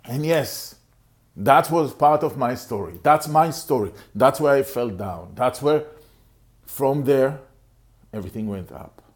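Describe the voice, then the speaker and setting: A middle-aged man from Israel, a motivational speaker telling his personal life story to the camera in an earnest, halting way, often repeating and restarting phrases. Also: medium pitch, animated.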